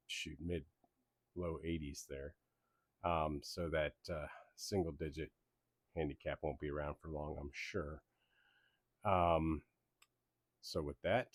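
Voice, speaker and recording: A league host who grew up in Belgium and Germany recaps a casual sports league in an easygoing, rambling manner full of ums. His voice is deep and darkish, with no echo.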